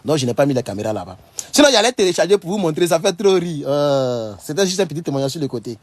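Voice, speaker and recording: A man giving casual, animated commentary to his followers. He repeats himself often and laughs as he talks. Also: a little high, quick pace, no echo. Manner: animated, repetitive, laughs often while talking. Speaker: online political commentator.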